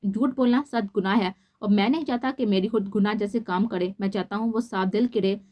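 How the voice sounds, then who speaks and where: A woman's voice: medium pitch, brisk, lightly acted. A woman reading the lines of a stern, possessive young husband in a storybook novel, harsh and scolding. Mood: soft coaxing. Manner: harsh, scolding, then softly coaxing.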